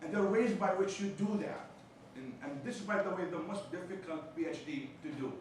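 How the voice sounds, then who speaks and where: A Palestinian man with a strong Arabic accent, a university chaplain, delivers a seminar lecture sprinkled with playful, teasing jokes. His voice is high and he talks fairly fast. He's in a lecture room, recorded from a distant mic in an echoey space with background noise.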